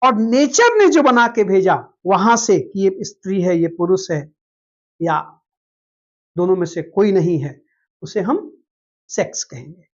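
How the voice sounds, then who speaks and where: A woman's voice: medium pitch, animated, unhurried, pauses often, muffled recording. A woman teaching a classroom lecture, explaining step by step, repeating key terms and checking that students follow.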